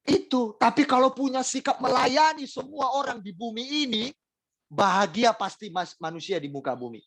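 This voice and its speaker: A man's voice: very high voice, lively intonation, normal speed, gravelly, a bit bright, no echo, low-quality recording. A man preaching a sermon in an Indonesian accent, speaking straight to the congregation with rhetorical questions and emphatic repetition. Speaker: pastor.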